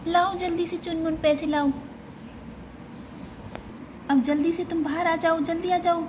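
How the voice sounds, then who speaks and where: A woman's voice: very high voice, steady tone, measured pace, background noise. A woman voicing a bossy older sister doll who scolds and hurries the little one, in a doll-play story. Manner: scolding, impatient.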